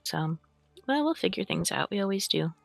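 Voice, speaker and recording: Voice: medium pitch, big pitch swings, normal speed, fairly bright tone, no room sound, soft background music. A streamer talking casually to chat with lots of fillers, then reading a fantasy book aloud; they have the hiccups. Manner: chatty, rambling, with frequent fillers and throat clearing. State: has the hiccups. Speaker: streamer and VTuber reading lore books.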